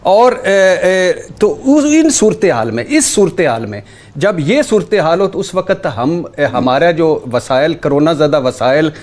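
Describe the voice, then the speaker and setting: A man's voice: high voice, very animated, darkish tone. A man arguing insistently as a panelist on a TV talk show, talking over others and repeating himself. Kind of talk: heated political debate.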